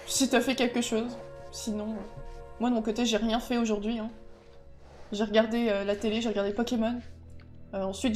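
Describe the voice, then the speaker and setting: A woman streaming a game, chatting casually with her viewers and reacting aloud with excitable outbursts. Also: fairly high pitch. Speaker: gaming streamer. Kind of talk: casual gameplay commentary.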